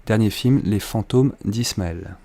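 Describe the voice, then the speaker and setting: Easygoing male host steering a casual chat, quick to poke fun at himself. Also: fairly low pitch, vocal fry, mellow. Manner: light-hearted, jokes about himself. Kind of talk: casual interview talk.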